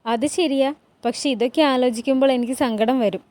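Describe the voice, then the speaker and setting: A woman voicing an anxious, tearful young concubine who speaks softly with a troubled edge. The voice is fairly high and recorded close and dry. It is heard as a retold palace drama. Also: moderate pace, no echo, close to an everyday voice.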